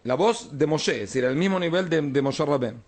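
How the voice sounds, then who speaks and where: A man's voice: fairly high pitch, lively intonation, moderate pace, darkish tone. A man, a rabbi, teaching an informal Talmud class, explaining texts and often checking that his students follow.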